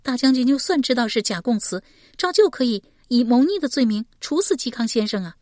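A woman's voice: fairly high pitch, animated, a little fast, a little mellow, no room sound, studio quality, pitched above the performer's own voice, lightly acted. A woman voicing a shrewd young woman who keeps asking probing questions.

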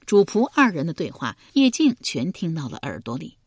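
Low-voiced woman narrating a historical novel. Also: moderate pace, slightly rough, dry recording, studio quality. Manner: expressive storytelling. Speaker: audiobook narrator.

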